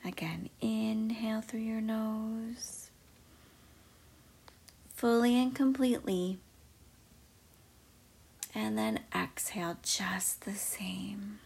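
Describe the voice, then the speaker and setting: A woman guiding a meditation in a soft, slow, mostly whispered voice. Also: on the high side, vocal fry, slightly rough. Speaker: meditation guide. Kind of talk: guided meditation.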